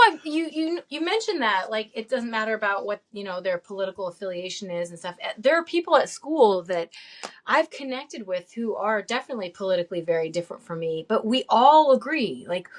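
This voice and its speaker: A middle-aged woman telling stories casually as an interview guest, lively and acting out the voices she quotes. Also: medium pitch. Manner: animated, acts out quoted voices. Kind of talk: casual storytelling.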